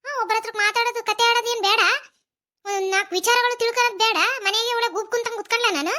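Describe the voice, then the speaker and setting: A very high, bright cartoon voice of a defiant young village wife, as a woman plays her. She scolds in a North Karnataka Kannada accent and never backs down. Her retorts are quick and sharp. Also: fairly even intonation. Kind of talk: cartoon comedy voice acting.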